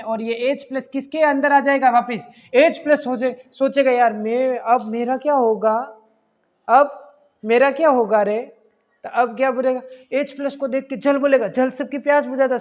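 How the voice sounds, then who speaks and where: High-voiced man teaching chemistry. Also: long reverb tail, dull audio. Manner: voices molecules as talking friends, asks and answers himself. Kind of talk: classroom lecture.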